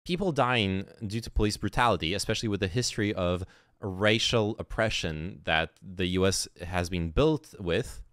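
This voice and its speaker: A man's voice: low-pitched, normal speed, a bit bright, dry recording, studio quality. Sarcastic, exasperated man giving commentary. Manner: sarcastic, exasperated, swears often. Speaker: commentary streamer reacting to a podcast clip. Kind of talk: reaction commentary.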